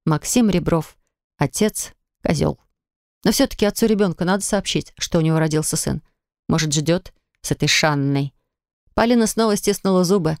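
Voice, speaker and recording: Brief: female audiobook narrator, lowish voice, dry close studio sound, expressive. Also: no room sound. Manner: expressive, intimate storytelling. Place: recording studio.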